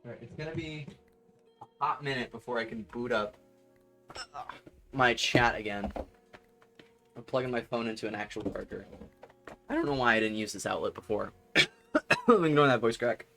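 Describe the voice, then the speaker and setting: A man's voice: mid-range voice, lively intonation, normal speed, creaky, long pauses, pushed and bright, faint music behind. Chatty young male streamer. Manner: rambling and chatty, laughs often, trails off into muttering. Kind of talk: casual chat with a live-stream audience.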